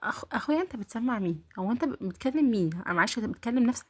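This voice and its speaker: A woman's voice: fairly high pitch, expressive, very fast, noisy background. A woman with an Egyptian accent hosting a reaction video, mocking what she watches and talking straight to her viewers. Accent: Egyptian Arabic. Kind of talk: casual reaction commentary.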